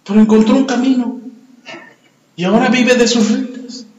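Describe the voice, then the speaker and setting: A pastor preaching a sermon and telling stories, often putting questions to the congregation. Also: male voice, extremely high pitch, steady tone, normal speed, darkish tone. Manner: storytelling, asks the congregation questions. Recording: echoey hall, long reverb.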